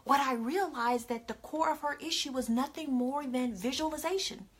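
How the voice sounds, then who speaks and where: A woman's voice: sits high, normal speed, a little hiss or hum. A woman giving an earnest, chatty motivational talk straight to the camera, often calling her listeners "y'all". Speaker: motivational speaker.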